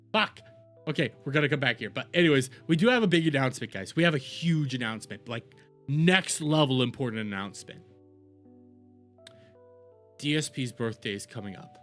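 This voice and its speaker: In a mid-range, fairly bright voice, a man streams live reactions to videos. His commentary is casual and meandering, repetitive and liberally sprinkled with swearing.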